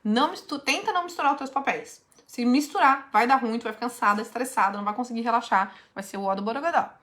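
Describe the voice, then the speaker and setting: A woman with a fairly high voice runs a live mentoring session. She speaks directly and frankly, reading out questions from her group and coaching them through the answers. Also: fast, fairly bright tone.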